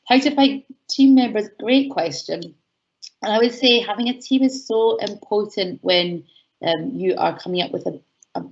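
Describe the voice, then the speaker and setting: Scottish woman, quick and excitable, online webinar talk, slightly dull call audio. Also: mid-range voice, gravelly. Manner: fast, excitable, with fillers. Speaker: guest speaker.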